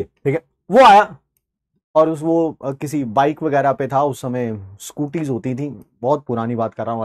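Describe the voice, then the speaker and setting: High-voiced man telling a lively story. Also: dry recording. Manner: animated, keeps tagging "ठीक है" and mixing in English phrases. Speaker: teacher. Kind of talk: anecdotal storytelling to students.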